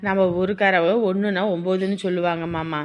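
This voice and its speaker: An actress playing a village daughter-in-law, speaking in an outspoken, aggrieved way. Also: female voice, fairly low pitch, flat delivery, fairly quick, muffled recording, lightly acted. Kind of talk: village family drama.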